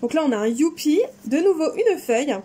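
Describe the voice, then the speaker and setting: A woman's voice: high-pitched, lively intonation, brisk, dark tone. A woman chatting casually and enthusiastically while unboxing craft supplies in her vlog. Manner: enthusiastic, chatty, exclaims often. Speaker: crafting vlogger.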